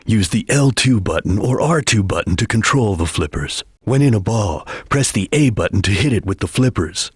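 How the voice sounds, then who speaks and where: An actor playing a serious, disciplined chameleon ninja detective in a video game, husky and terse, speaking in measured lines. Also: male voice, lowish voice, animated, no echo, clean studio sound. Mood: calm, instructive.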